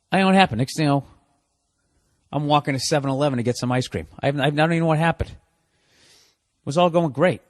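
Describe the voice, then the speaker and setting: A man's voice: medium pitch, dry recording, studio quality. A man hosting a podcast, ranting casually in a profane, exasperated, rambling way. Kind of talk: casual comedic rant.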